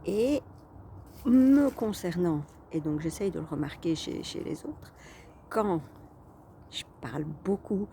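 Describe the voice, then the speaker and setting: Woman, coach, casual vlog, chatty, hesitant, lots of fillers, lowish mellow voice, faint background ambience. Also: expressive, takes it slowly, creaky, pauses often, a little hiss or hum. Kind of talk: casual talking-head vlog.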